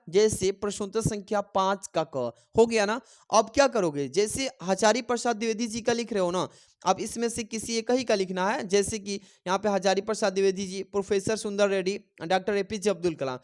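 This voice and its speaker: A man tutoring students for a Hindi exam. He asks a question, answers it himself and repeats the key answers so they can be written down. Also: sits high. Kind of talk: exam-prep teaching.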